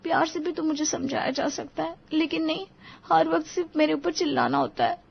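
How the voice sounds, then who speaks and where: A woman's voice: high voice, moderate pace, dull audio, voice pushed up, natural voice. A woman voicing a timid, eager young daughter-in-law in a cartoon story, polite and anxious to please. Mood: indignant.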